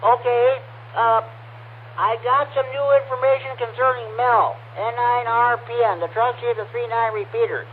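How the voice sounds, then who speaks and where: A man heard over a slightly mistuned ham radio, his voice sitting high and squeezed into a thin, tinny band. He runs the net in a halting way, full of fillers and restarts. A faint hiss sits under him. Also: fairly even intonation. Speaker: net control operator.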